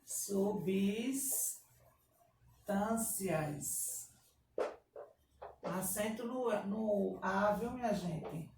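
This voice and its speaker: Woman teacher going slow for kids, praising answers, roomy echo. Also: mid-range voice, animated. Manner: slow, encouraging, repeats children's answers. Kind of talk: Portuguese grammar lesson for children. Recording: echoey room with faint background hiss.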